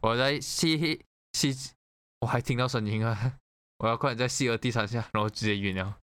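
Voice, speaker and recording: Man, casual chat, animated storyteller, swears, smooth resonant voice. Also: fairly low pitch, brisk, no room sound. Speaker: guest sharing a story.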